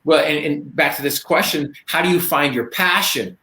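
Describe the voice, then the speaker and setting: A man giving a motivational talk as a guest speaker, lively and storytelling, acting out bits of dialogue. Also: fairly high pitch. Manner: animated storyteller, acts out dialogue in quick voices. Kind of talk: motivational talk on a live stream. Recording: echoey room.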